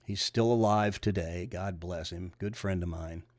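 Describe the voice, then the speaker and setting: An older man with a Missouri accent and a deep, nasal voice, a bowling coach chatting casually on a livestream, rambling and reading viewer comments aloud before answering them. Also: moderate pace, darkish tone, no room sound.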